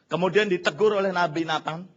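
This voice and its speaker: A man preaching a sermon to his congregation, telling Bible stories with lively storytelling and speaking to the listeners often. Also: sits high, brisk, highs cut off. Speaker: pastor. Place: church hall.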